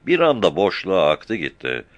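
A man's voice: sits low, huge pitch swings, normal speed, no echo, dull audio. A man voicing a deferential army sergeant who answers his captain humbly, in an audiobook. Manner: respectful, humble.

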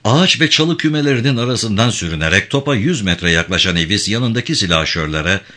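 A man reads a war novel aloud as audiobook narration, with a low, bright voice. His reading is dramatic and expressive, rising and falling widely in pitch. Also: a little fast.

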